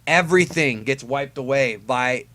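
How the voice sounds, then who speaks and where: A man's voice: mid-range voice, normal speed, pushed and bright, slight background noise. A man hosting casual fan commentary on an anime episode preview, talking conversationally and stressing key words. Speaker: YouTube host reviewing an anime episode preview.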